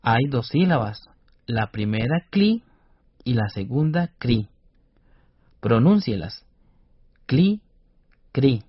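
A man with a slightly husky voice co-presents a radio reading lesson, explaining each step carefully and sounding out syllables slowly and distinctly. The studio sound is dry and a little dull. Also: mid-range voice, animated, no room sound. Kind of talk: scripted educational radio lesson.

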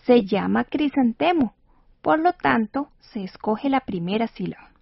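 A woman teaching as a radio instructor in a scripted educational lesson, speaking patiently and clearly with encouragement. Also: fairly high pitch, expressive, measured pace, no room sound. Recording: dull dry studio radio recording.

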